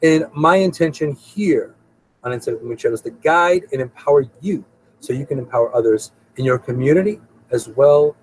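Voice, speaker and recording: Husky chatty man hosting a stream. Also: fairly high pitch, a little mellow, poor audio. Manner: chatty, rambling, repeats words. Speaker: host. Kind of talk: casual live-stream talk.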